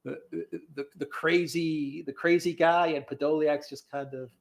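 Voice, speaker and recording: Appearing as a guest commentator on a live stream, a man chats casually in a voice on the high side, steady in tone and unhurried. He rambles, repeats words, and laughs often.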